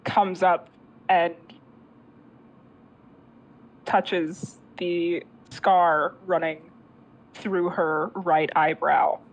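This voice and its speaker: A woman player improvising narration of her character's actions in a fantasy game, halting, informal and dramatic. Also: on the low side, fairly even intonation, rough recording.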